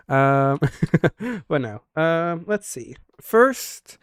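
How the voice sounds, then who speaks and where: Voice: medium pitch, clear, resonant tone, no echo. A streamer recounts their roleplay adventure in a loose, rambling way, full of ums and little jokes at their friends' expense. The voice sits in a middling register and is recorded close and dry on a desk mic. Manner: rambling, filler-heavy, teasing. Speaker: streamer recapping a roleplay story. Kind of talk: casual roleplay storytelling.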